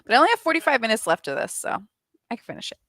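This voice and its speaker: A woman's voice: on the high side, very animated, very fast, bright, forceful tone, dry recording, clean studio sound. A young woman hosting a reading session on a video call, chatting casually and laughing often. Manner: chatty, laughs often, trails off mid-sentence. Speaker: host of reading sprints. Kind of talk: casual chat.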